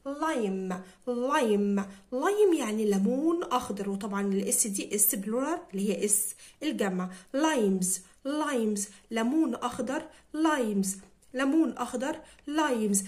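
A woman's voice: a little high, animated, darkish tone. Egyptian woman teacher drilling vocabulary. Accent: Egyptian Arabic. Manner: repeats each word slowly and clearly for pupils. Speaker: English teacher.

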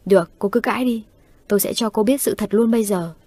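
A frightened, bitter young husband, as a woman narrator puts him on, spoken close to her own voice and a touch quieter. His lines come out accusing and tense. The sound is close and dry. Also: medium pitch, fast, slightly rough, no echo, natural voice. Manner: accusing, anguished.

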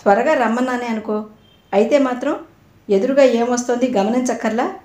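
A woman's voice: on the high side, a little fast, a little mellow, voice pushed up, natural voice. Woman playing a worried man, irritable, snappish, echoey. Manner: anxious and irritable. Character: worried grown son, quick-tempered man. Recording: roomy echo.

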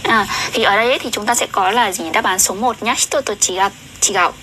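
A young woman tutoring Japanese on a livestream, chatty and often asking viewers questions, reading sentences slowly. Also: medium pitch, background noise. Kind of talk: casual livestream lesson.

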